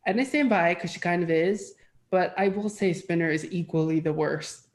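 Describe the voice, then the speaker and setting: A young adult woman co-hosting a podcast in casual, animated chat, often gushing and slipping into playful voices. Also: on the low side, normal speed. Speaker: podcast co-host.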